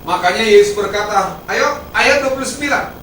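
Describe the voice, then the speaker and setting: Pastor preaching in an echoey hall. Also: male voice, normal speed, fairly bright tone, slight background noise. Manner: emphatic, rises and drops sharply in pitch and volume. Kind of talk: sermon. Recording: roomy echo, heard from a distance.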